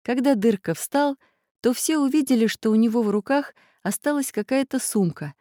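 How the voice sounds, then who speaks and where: A woman narrating a children's storybook in an expressive, animated reading voice. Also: on the high side, normal speed, no room sound, studio quality.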